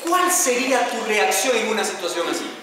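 Lively-voiced preacher man in echoing church. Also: sits high, a crowd in the background. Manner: asks the congregation rhetorical questions; slow, drawn-out emphasis on key phrases. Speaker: pastor. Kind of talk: sermon. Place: large church sanctuary. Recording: very echoey church hall, distant mic.

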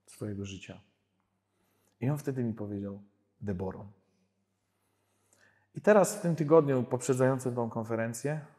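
A man giving an animated personal testimony at a prayer group conference, acting out the dialogue in his stories. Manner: storytelling, acts out dialogue with pitch jumps. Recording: hall reverb.

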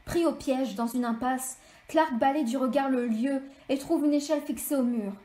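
A woman author reading an extract of her novel aloud in steady, measured storytelling. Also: sits high. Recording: echoey room.

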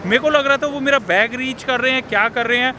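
A man's voice: extremely high pitch, fast talker. Indian man vlogging on a noisy street. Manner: chatty, mixes in English phrases. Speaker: travel vlogger. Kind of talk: casual vlog narration to camera. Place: busy city street and subway station outdoors. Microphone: handheld camera at arm's length. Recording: street noise behind.

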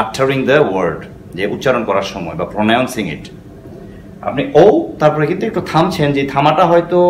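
A man's voice: medium pitch, reverberant, slight background noise. A man gives a patient English lesson, often checking in with "okay?" and mixing English phrases into his explanations. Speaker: English teacher.

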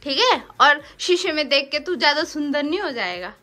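A woman's voice: sits high, animated, moderate pace, sharp tone, soft background music. A young woman vlogging at home, teasing and bossing her partner around in casual banter. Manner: teasing, bossy, playful. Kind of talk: casual prank vlog banter.

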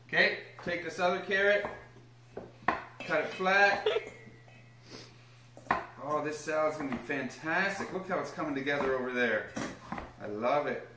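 A fairly high-pitched young man hosts a home cooking demo at a measured pace with long pauses, against a noisy background in an echoey kitchen. Upbeat and supportive, he explains each step of the recipe and cheers on a small child lending a hand.

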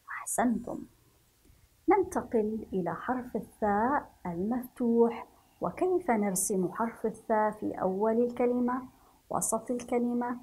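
A woman teaching first graders to read, stretching out each word slowly and praising them softly. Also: fairly high pitch, husky, poor audio. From Yemen. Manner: slow, drawn-out syllables for children, praising softly. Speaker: primary school teacher. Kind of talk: children's reading lesson.

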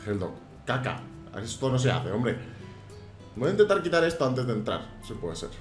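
Lively man doing gaming commentary. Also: mid-range voice, normal speed. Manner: animated, bursts into shouted exclamations and laughs. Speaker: gaming YouTuber. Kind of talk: casual let's-play commentary. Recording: roomy sound with faint game music.

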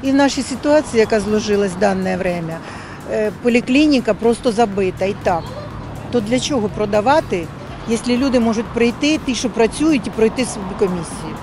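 A woman's voice: on the high side, expressive, fairly quick, background noise. Firm older woman reasoning on the street. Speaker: passer-by in street interview. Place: park street outdoors. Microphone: handheld reporter mic. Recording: music bed under voice.

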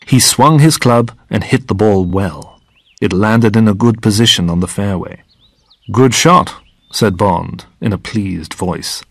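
A man with a lowish voice narrates a storybook in slow, clear, deliberate English for learners. The recording is dry and close, with no room sound. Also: darkish tone, no room sound.

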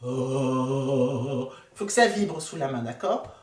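A woman's voice: lowish voice, big pitch swings, fairly quick. A woman vocal coach giving a playful, demonstrative lesson, often laughing at herself and sliding between her voice registers. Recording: roomy sound from a distant mic, faint music.

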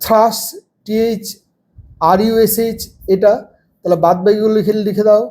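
A man's voice: sits high, steady tone, normal speed, warm tone. A man teaching young children from a textbook, patiently spelling words out letter by letter. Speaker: primary school teacher.

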